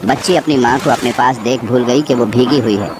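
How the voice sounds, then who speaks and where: A man with a medium-pitched voice reads a scripted horror story as its narrator, keeping a brisk pace. Insects and birds can be heard clearly in the background as nature ambience.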